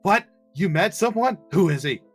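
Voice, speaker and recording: A man's voice: medium pitch, fairly quick, faint music behind, close to an everyday voice. Casting: opgewonden, bazige grote zus, door een man gespeeld, met zachte muziek op de achtergrond. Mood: excited. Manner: eager, bossy, excitable. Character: pushy, upbeat big-sister adventurer woman.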